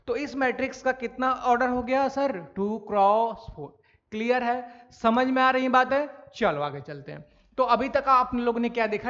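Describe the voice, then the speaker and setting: A man with an extremely high, fairly bright voice teaches a maths lesson, posing questions and answering them himself while repeating key points often. He addresses students as "sir" and "bhai" and coughs now and then during this classroom lecture, captured on a dull lo-fi recording.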